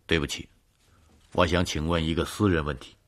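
A calm, cold male detective in an audiobook mystery, speaking softly and evenly, voiced by a narrator in his own very deep voice. His questions come measured and controlled. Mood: probing.

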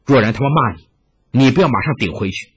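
一位男子演绎一位温和而坚定的年轻剑客，嗓音沙哑，语气低沉恳切，录音音质发闷。. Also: male voice, expressive, fast talker, slightly rough, highs cut off. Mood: earnest. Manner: low, soft, earnest pleading. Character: earnest young male swordsman, gentle and resolute.

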